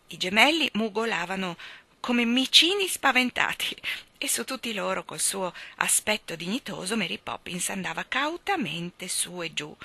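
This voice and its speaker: A woman reading a children's story aloud in an expressive way, often dropping to soft, hushed tones. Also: medium pitch. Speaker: reader. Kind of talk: audiobook storytelling.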